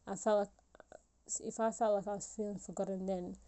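A woman in her twenties hosts a reflective solo podcast, her thoughts meandering through many fillers and restarts. She speaks at a moderate pace in a warm, medium-pitched voice that barely moves in pitch.

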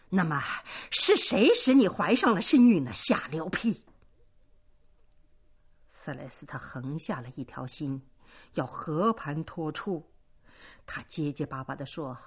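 Slow, expressive woman reading a story. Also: low-pitched, husky. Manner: expressive, measured. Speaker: narrator.

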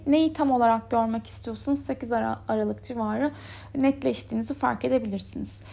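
Casting: female astrologer, higher register, strongly creaky, nonstop chatty forecast delivery. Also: darkish tone. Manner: chatty, nonstop talk running on from point to point. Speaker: astrologer presenting a yearly horoscope. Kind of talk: informal spoken horoscope forecast.

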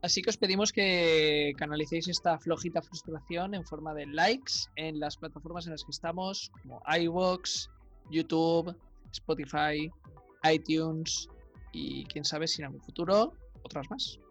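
Relaxed man, podcast co-host. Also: a little high, a little slow, faint music behind. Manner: relaxed, jokey asides. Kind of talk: casual podcast chat.

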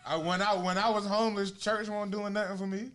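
A man's voice: high-pitched, flat delivery, a little fast, a bit bright. A man in a casual group debate, speaking in an informal, assertive way.

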